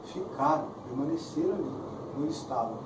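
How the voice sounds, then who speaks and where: A man's voice: fairly high pitch, animated, moderate pace. A man preaching a conversational sermon, often tagging his sentences with "né?". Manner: conversational preaching, frequent "né?" tags. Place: church hall. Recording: echoey church, far mic, clear background noise.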